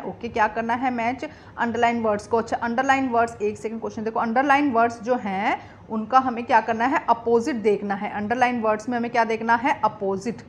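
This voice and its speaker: A woman teacher going through an exam paper, reading English lines slowly and explaining quickly in Hindi with her own questions and answers. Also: fairly high pitch, a little hiss or hum. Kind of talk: exam paper walkthrough lesson.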